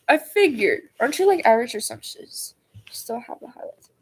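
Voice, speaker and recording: A woman's voice: a little high, lively intonation, normal speed, husky. A woman livestreaming casually, rambling and stumbling over words as she reads homework aloud. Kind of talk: casual livestream chat while doing homework.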